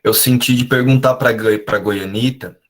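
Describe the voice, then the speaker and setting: Man on a video call, mid-pitched voice, telling a reflective, confessional story from his daily life to a study group, speaking plainly and openly. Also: fairly even intonation, moderate pace, a bit bright. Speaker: participant sharing in a study group. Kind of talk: personal sharing on a video call.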